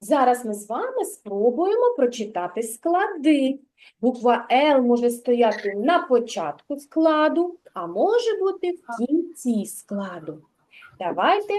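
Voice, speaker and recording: A woman kindergarten teacher giving a literacy lesson in a classroom, speaking slowly and articulating every sound while coaxing answers from the children. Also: fairly high pitch, a little mellow, poor audio. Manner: slow, carefully articulated, coaxing questions to children.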